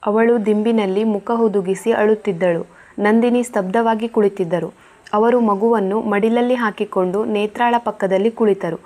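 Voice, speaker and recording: A woman narrating an emotional scripted story in a steady, even reading voice. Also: medium pitch, moderate pace.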